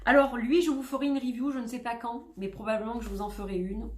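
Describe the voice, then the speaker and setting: A woman's voice: on the high side, fairly even intonation, fast talker, slight background noise. Chatty French woman in an echoey room. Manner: chatty, rambling with many fillers and self-corrections. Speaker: tarot vlogger. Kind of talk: casual chat showing tarot decks.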